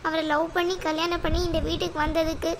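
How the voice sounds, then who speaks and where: Cartoon role: fiery young wife, high, piercing voice, voiced by a woman. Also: monotone, fast talker. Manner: complaining, sharp-tongued. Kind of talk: cartoon voice acting.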